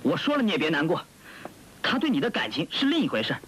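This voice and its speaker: A man's voice: fairly high pitch, huge pitch swings, fast talker, fairly bright tone, a little hiss or hum, poor audio. Teasing young man on old VHS tape. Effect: old VHS tape film soundtrack. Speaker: joking young male friend in a film. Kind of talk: 1970s film dialogue.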